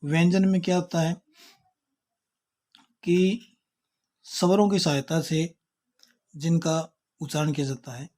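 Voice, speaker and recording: Slow, patient man teaching letters. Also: fairly high pitch, flat delivery, a little mellow. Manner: patient, repeats and spells out letters one by one. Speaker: Sanskrit teacher. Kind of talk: slow explanatory lesson.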